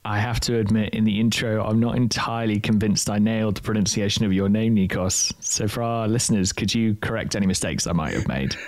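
A man's voice: on the low side, brisk, hardly any pauses, a little mellow. A man hosting an interview series, reading a polished intro and then asking questions. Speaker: podcast host. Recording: music bed under the voice.

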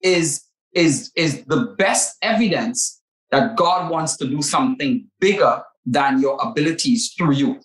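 Another man co-hosting the Bible talk show preaches with emphasis, driving points home through repetition. He sounds a little high, animated and fairly bright, speaking a little slowly, with roomy echo around him.

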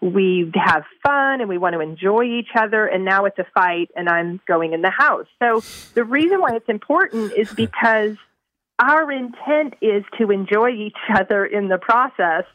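Animated woman guest telling a story. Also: mid-range voice, normal speed, dry recording, lo-fi sound. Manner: animated storyteller, acts out her own lines. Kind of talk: casual podcast conversation.

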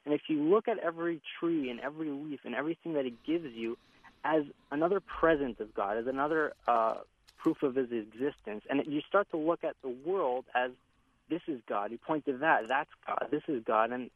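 A rabbi being interviewed on the radio, earnestly explaining ideas through everyday examples. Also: male voice, mid-range voice, no room sound. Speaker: rabbi and author, guest. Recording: tinny phone line.

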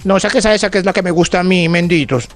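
A man's voice: high voice, racing. A man co-hosting a radio show, teasing and joking in casual banter. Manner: playful, teasing, animated. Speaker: radio co-host. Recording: faint music behind.

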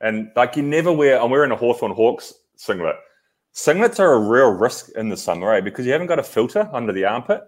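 A man's voice: medium pitch, big pitch swings, a little fast. A man talking casually and informally as a co-host on a podcast. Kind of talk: casual chat.

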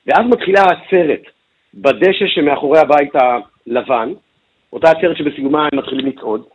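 A man's voice: on the high side, husky, dull audio. A man working as a news correspondent, giving a detailed radio news briefing and walking through events step by step with filler sounds.

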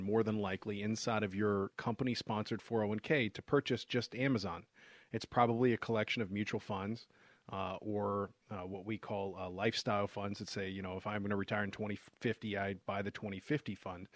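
A man's voice: on the low side, no echo. Dry-voiced man explaining money matters. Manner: relaxed, conversational, with frequent fillers and restarts. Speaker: financial advisor hosting a radio show. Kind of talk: explanatory radio talk.

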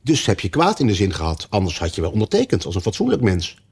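A man voicing a pompous, flustered old king in a storybook reading, slow and solemn. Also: on the low side, wildly swooping pitch, a little mellow, husky, full character voice.

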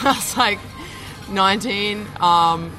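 Young man, high voice, relaxed chat. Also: takes it slowly, music in the background, rough recording. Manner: relaxed, filler-heavy. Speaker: bass player in a band. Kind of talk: casual interview chat.

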